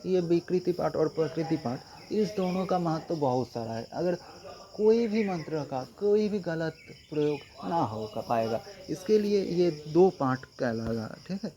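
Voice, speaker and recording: A man's voice: a little high, dark tone, highs cut off. A man giving an exam-prep lecture as a tutor, repeating points and checking in often with short confirmations. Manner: repetitive, frequent "thik hai" checks.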